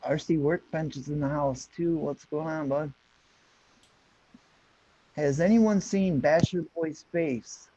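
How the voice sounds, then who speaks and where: A man's voice: fairly high pitch, slow, pauses often, mellow, dry recording. A man in his thirties hosting a casual livestream, laughing often, reading chat aloud and swearing casually. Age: 30s. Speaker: livestream host. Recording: dull lo-fi dry sound.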